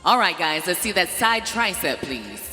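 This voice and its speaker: A booming, pumped-up stage announcer calling out poses and hyping up competitors and audience as the MC of a live bodybuilding show. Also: moderate pace, sharp tone. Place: large indoor stage venue over loudspeakers. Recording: echoey hall PA with music behind.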